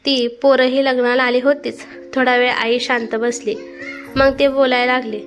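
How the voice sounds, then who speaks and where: A woman's voice: high voice, level tone, normal speed, faint music behind. A woman narrating a family story and voicing the characters' dialogue herself.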